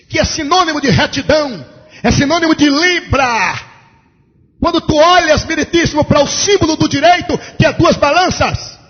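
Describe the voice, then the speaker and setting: A male pastor, telling a story in a sermon with fervent preaching that rises to shouts. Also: very high voice. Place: large church. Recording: echoey church hall, dull lo-fi sound.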